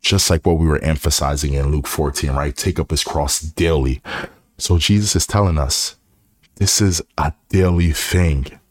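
Very deep-voiced man preaching earnestly. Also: normal speed, no room sound. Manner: earnest, exhorting, repeats phrases and asks "right?". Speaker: podcast preacher. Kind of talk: podcast sermon on scripture.

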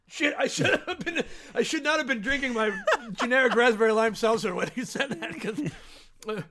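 Podcast co-host: man with a high, bright voice, giggly, teasing banter. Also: expressive, normal speed, a little hiss or hum. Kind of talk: casual chat over a live watch-along.

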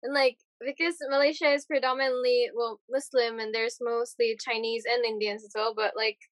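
A woman's voice: a little high, level tone, normal speed, dry recording. A young woman from Japan chatting casually as a podcast guest, trailing off with fillers. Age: young adult. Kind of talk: casual conversation.

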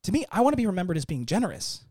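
A quick-talking man with a fairly high voice, lively and rambling as he chats, often restarting mid-thought, on a dry close recording. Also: no room sound. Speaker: company founder, guest. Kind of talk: casual interview chat.

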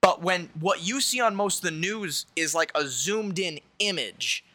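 In this casual chat, a young man with a high-sitting voice keeps a measured pace. He's lively and foul-mouthed, raising his voice to a shout whenever he performs a quote.

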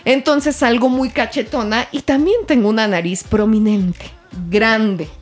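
A woman's voice: a little high, fairly even intonation, measured pace, faint music behind. A woman with a Mexican accent hosting a casual podcast chat, telling frank, self-mocking stories.

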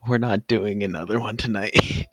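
A young man with a low voice chats loosely on a homemade podcast. He jokes, laughs and rambles. The sound is dry and close. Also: fairly even intonation, measured pace, no room sound. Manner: joking, laughs often, rambling. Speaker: podcast co-host. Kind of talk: casual podcast chat.

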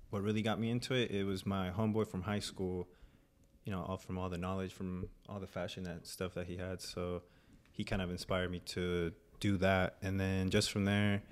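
A young man from Venezuela, a photographer, talking as a podcast guest in a relaxed, rambling way with many fillers. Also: low voice. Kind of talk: casual podcast chat.

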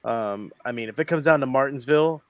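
A man co-hosting a sports podcast, talking quickly and hedging his opinions. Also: medium pitch, no room sound. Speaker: podcast co-host. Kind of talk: casual debate.

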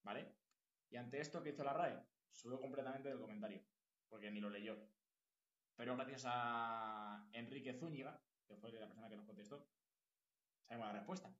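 Un hombre con acento de España, copresentador de un pódcast, bromeando de forma impulsiva y malhablada. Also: male voice, medium pitch, normal speed, a bit bright. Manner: crude, impulsive, joking. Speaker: podcast co-host. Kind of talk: joking podcast banter. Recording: roomy, dull lo-fi audio.

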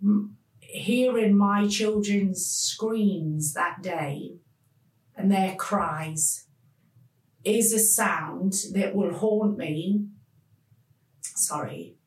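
A woman tells a painful personal story as a podcast guest, speaking haltingly with many pauses. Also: medium pitch, darkish tone, far from the mic. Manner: slow, halting, emotional retelling with many pauses. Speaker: podcast guest telling her life story. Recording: roomy sound, voice off the mic.

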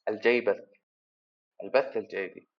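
A man's voice: on the low side, normal speed, dull audio. A man hosting a solo podcast, rambling and self-deprecating as he thinks aloud. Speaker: podcast host. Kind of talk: casual solo podcast monologue.

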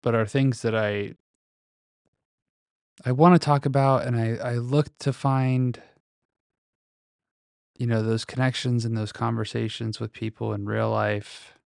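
A man's voice: medium pitch, fairly even intonation, measured pace, gravelly, long pauses, no echo. A man recording a casual, reflective solo podcast monologue very close to the microphone, speaking in a hesitant, introspective way. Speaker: podcast host.

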